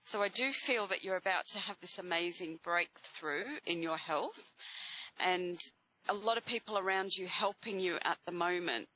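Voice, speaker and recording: A woman with an Australian accent and a bright voice, hosting psychic readings and speaking in a reassuring, encouraging way. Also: fairly low pitch, moderate pace, no room sound, lo-fi sound. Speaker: host giving live psychic readings to callers. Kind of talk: spiritual guidance talk to audience and caller.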